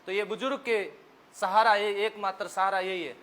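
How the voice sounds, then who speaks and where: A man's voice: sits high, fairly even intonation, moderate pace, a bit bright. A man with a Rajasthani accent teaching a history lesson for exam students in a folksy, joking way, asking questions and answering them himself.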